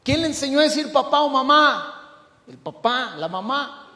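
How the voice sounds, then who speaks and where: A middle-aged Mexican man preaching a sermon as pastor, emphatic, swinging from loud to hushed. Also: extremely high pitch, lively intonation, normal speed. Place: church hall. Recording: echoey church hall.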